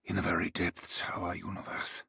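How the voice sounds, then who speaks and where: An actor playing a solemn narrator who reads ancient occult lore in a hushed, husky voice that drops to a whisper, in a scripted game narration. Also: male voice, low voice, monotone, no echo, studio quality, heavily acted. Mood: ominous. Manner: solemn, ominous, deliberate. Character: grave male narrator reading ancient lore.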